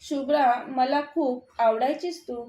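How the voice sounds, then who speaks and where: A woman's voice: high voice, slow, mellow. A woman voicing a cheerful, eager young college student, in an echoey room. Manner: bubbly and eager.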